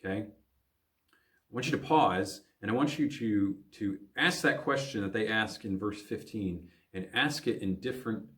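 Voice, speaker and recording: A pastor from the American Midwest, his voice lowish but fairly bright in tone, records a Bible lesson aimed at teens. He reasons out loud, peppering it with fillers and restarts.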